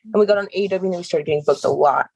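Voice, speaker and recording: A woman's voice: fairly low pitch, very fast, vocal fry, a little mellow, rough recording. A young adult woman, a professional wrestler, talking earnestly and reflectively in an interview, often breaking into laughs. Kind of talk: casual interview talk.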